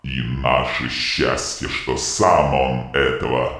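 A man playing a menacing, commanding dark lord in a fantasy radio play, slow and gravelly, in a cavernous echo. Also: very deep voice, flat delivery, full character voice. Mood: ominous, commanding. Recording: cavernous echo, faint music underneath.

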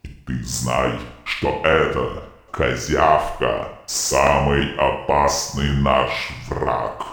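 A man playing a menacing, commanding dark lord in a fantasy radio play, slow and gravelly, in a cavernous echo. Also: extremely low pitch, steady tone, full character voice. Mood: ominous, commanding. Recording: cavernous echo, faint music underneath.

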